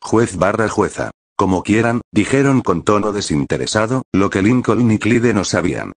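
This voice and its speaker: Guy reading a fanfic out loud, deep and husky, dry close mic. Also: expressive, normal speed, dry recording. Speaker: narrator. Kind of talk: reading a fan story aloud.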